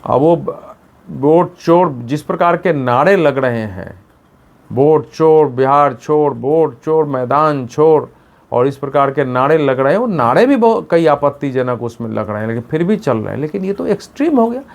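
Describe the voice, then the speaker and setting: A man's voice: big pitch swings, brisk, gravelly, hardly any pauses, dull audio. A middle-aged man, a senior journalist, giving an emphatic political commentary monologue, often correcting himself mid-word. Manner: emphatic, mimics slogans with rising pitch.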